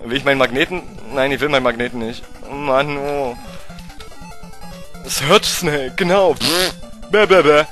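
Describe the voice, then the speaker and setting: A man with a German accent giving excitable gameplay commentary, swearing at the game and swinging from low mutters to sudden cries. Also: normal speed, faint music behind. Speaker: let's play gamer.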